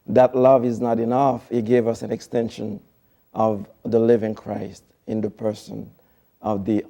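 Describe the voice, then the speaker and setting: A man's voice: fairly low pitch, vocal fry, warm tone. A man from Haiti, a TV producer, speaking as a studio interview guest in a formal, devotional way with hesitant fillers.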